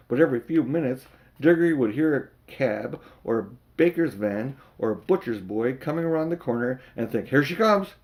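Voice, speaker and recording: An older man with a mid-range, slightly mellow voice reads a children's story as an amateur audiobook narrator. He adds dramatic emphasis and draws out his words.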